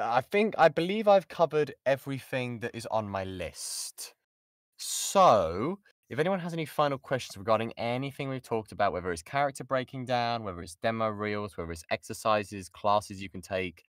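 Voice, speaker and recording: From his insulated, padded home booth, a British voice actor talks through workshop questions online in an easygoing, self-deprecating manner. His voice is lowish and animated at a moderate pace, and the XLR studio mic delivers a clean, dry sound.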